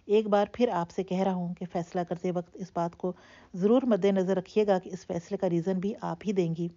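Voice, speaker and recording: A woman voicing a confident young husband who speaks calmly and mockingly, in a dull lo-fi recording. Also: on the low side, lightly acted. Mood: cold calm. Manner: calm, assured, mocking. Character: confident teasing young husband, cool and unyielding. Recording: dull lo-fi audio.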